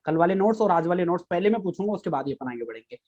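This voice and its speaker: A man delivers a live online physics lecture, repeating key points and quizzing his students with frequent questions. His voice sits high and is expressive and rapid-fire with a darkish tone, though the audio sounds dull.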